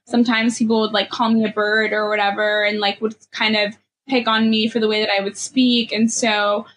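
A young adult Ethiopian woman with a California Valley girl accent speaks as a guest, reflecting candidly in personal conversation and peppering her talk with "like" and "you know." Her mid-range voice is level in tone, a bit bright, and moves at a moderate pace, with slight background noise.

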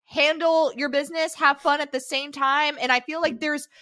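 A woman's voice: sits high, steady tone, moderate pace, bright, forceful tone, dry recording. A woman co-hosting a running podcast, giving upbeat, chatty analysis and often saying "I feel like.". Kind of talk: casual sports podcast analysis.

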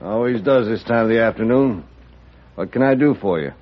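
An actor playing a scornful American railroad boss of the Old West, folksy and blunt, in a radio western. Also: male voice, mid-range voice, expressive, normal speed, lightly acted. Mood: casual. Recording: dull old radio recording.

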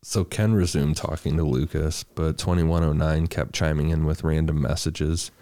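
Podcast co-host, very deep man, dry close mic, relaxed crude storytelling. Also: normal speed, no room sound. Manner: laid-back, crude, recaps the story in plain narration. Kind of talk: casual storytelling chat.

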